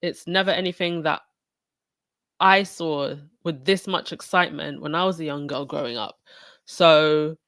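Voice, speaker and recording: Sniffly with a cold, this English podcast host offers casual commentary on a livestream, rambling with plenty of fillers and restarts. She speaks in a low, fairly bright voice at an unhurried pace, and there is no echo.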